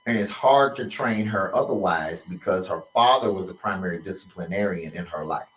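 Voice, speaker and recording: A man with a fairly low voice lays out his views in a slow, deliberate, lecturing manner as host of a conversational show. He sits a little back from the mic, so his voice sounds slightly distant. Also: fairly bright tone. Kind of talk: conversational commentary.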